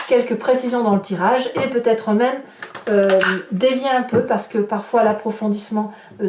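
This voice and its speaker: A woman with a fairly high, darkish voice hosts a casual tarot reading on her channel, talking to viewers and musing aloud in chatty, hesitant asides. The mic sits far away, leaving a roomy echo and noticeable hiss.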